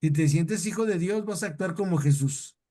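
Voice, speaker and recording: A man's voice: sits high, moderate pace, dark tone. A man with a Mexican Spanish accent leading an informal Bible class, chatty, often repeating himself and checking in with his listeners. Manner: chatty, repeats words, tells jokes, asks "¿sale?". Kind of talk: informal religious lesson.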